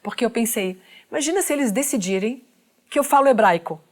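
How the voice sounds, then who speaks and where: A woman, a journalist guest telling a story in an animated, expressive way. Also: on the high side, fairly quick. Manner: expressive, acts out quoted voices, laughs often.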